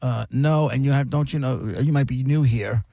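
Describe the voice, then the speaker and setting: A man hosting a call-in radio show, brisk and teasing as he handles callers. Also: medium pitch, creaky, mellow, dry recording, clean studio sound. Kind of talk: casual call-in radio banter.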